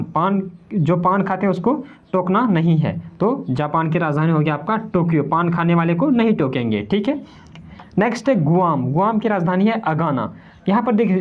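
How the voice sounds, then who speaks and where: An online tutor explaining memory tricks for general-knowledge exams, repeating each point and asking questions only to answer them. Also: medium pitch. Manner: repetitive, poses and answers own questions, keeps calling viewers "friends". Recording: slightly dull, lo-fi recording.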